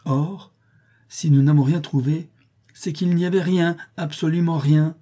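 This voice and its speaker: A man's voice: a little high, steady tone, a little slow, dark tone, voice pushed up. A man voicing a skeptical young man who argues insistently. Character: young man, doubtful and disappointed.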